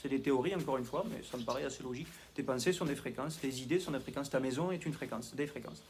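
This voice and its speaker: A man's voice: mid-range voice, fast, a little mellow, a little hiss or hum. A man with a southwestern French accent, a health coach talking to camera in a rambling, self-mocking, digressive way. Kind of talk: casual talking-head monologue.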